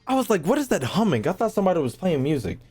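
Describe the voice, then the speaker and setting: Talking very fast in a high-pitched, sing-song voice that's darkish and slightly rough, this man chats with his livestream audience mid-game. It's loose, slangy streamer talk full of swearing, set against video game music and sounds.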